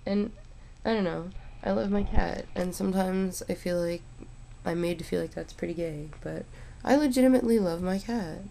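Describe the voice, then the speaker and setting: Young woman vlogger, low gravelly voice, dark and mellow, meandering stoned monologue. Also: a little hiss or hum. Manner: meandering, halting, with frequent fillers and restarts; relaxed, stoned drawl. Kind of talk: rambling casual monologue to camera.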